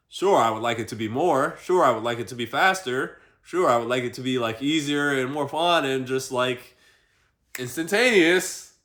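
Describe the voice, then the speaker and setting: A man talking through his personal growth in a reflective vlog monologue, thinking aloud and pausing often on fillers. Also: mid-range voice, fairly bright tone. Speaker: vlogger.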